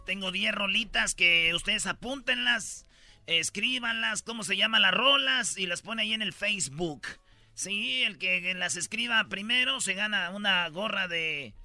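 A man's voice: high voice, bright, forceful tone, no echo. A man hosting a comic radio show, joking playfully and acting out voices in his stories.

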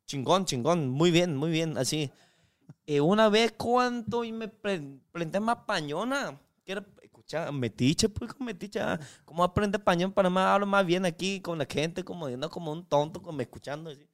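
A man's voice: sits high, moderate pace. A young Chinese man chatting as a guest in broken, slangy Spanish full of restarts. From China. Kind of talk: casual interview chat.

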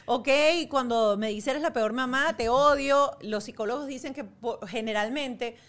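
A woman's voice: a little high, moderate pace. A woman hosting a parenting interview show, asking thoughtful follow-up questions in a casual tone. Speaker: host.

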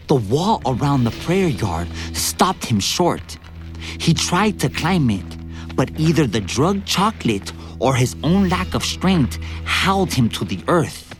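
A man narrates a story in the first person, his pitch rising and falling lively as he tells the chase. Soft music plays faintly underneath the reading. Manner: vivid, expressive storytelling. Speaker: narrator and lead actor.

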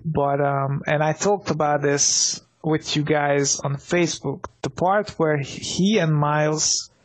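Guy cohosting a sports podcast, kinda high voice, lots of uh and restarts. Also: fairly even intonation, takes it slowly. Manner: rambling, many restarts and fillers. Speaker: podcast co-host. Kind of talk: casual sports chat.

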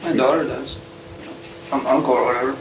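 A man's voice: medium pitch, fairly even intonation, brisk. Defiant young man on an old tape. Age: 20s. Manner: defensive and belligerent. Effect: old archival tape recording. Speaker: suspect under interrogation. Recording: roomy, distant tape with hiss.

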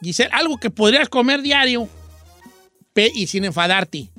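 A man hosting a comic radio show in a strikingly high, bright, cutting voice. He jokes with callers and his co-host, sliding into playful English now and then, over a faint music bed. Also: animated. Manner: joking, rapid switching into playful English. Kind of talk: comedic radio morning show banter.

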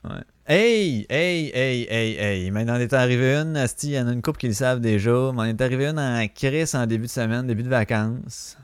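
A man's voice: medium pitch, moderate pace, smooth, dry recording. A man with a Quebec French accent hosting a podcast, telling stories in a rambling, slangy way and swearing freely. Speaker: podcast host. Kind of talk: casual storytelling monologue.

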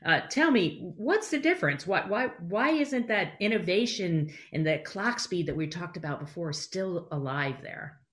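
A woman with a very low voice hosts a radio interview. She talks in a conversational way and puts questions to her guest, sometimes restarting a phrase. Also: lively intonation, moderate pace, hardly any pauses, fairly bright tone. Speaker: radio show host.

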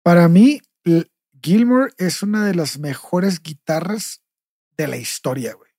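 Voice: mid-range voice, a little slow, mellow, no echo, studio quality. A podcast co-host with a Mexican accent in casual chat, emphatic and full of slang and swearing.

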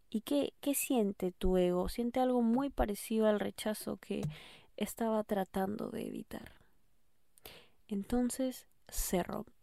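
A woman hosting an advice podcast, speaking affectionately to the listener and often checking in with a quick question. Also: fairly high pitch, no room sound, clean studio sound. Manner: affectionate, calls listener "mi amor", keeps asking "¿ok?". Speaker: podcast host. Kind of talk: advice monologue.

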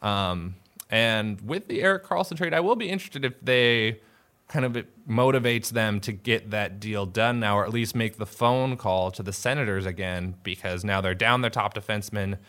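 A man co-hosts a casual sports podcast and works through his questions aloud. His voice is low and forceful, with a sharp, bright edge. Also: normal speed. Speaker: podcast co-host.

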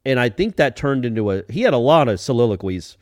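A man hosting a casual sports podcast, animated and rambling, with many restarts. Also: medium pitch, fast talker, no echo, clean studio sound.

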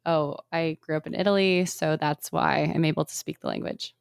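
A woman's voice: low-pitched, fairly even intonation, normal speed, creaky, clean tone, no room sound, studio quality. A woman co-hosting a casual language lesson, asking questions and summing up points. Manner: asks and sums up, frequent backchannel. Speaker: co-host learner.

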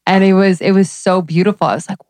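A woman co-hosting a podcast, asking relaxed, curious questions in casual chat. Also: medium pitch, fast talker, no room sound. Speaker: podcast co-host.

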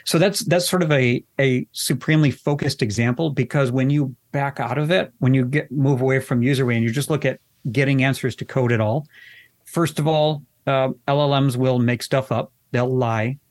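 Male interview guest, mid pitch, candid and wry, restarts often, dry close sound. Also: steady tone, normal speed, dry recording. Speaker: accessibility expert guest. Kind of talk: conversational interview answers.

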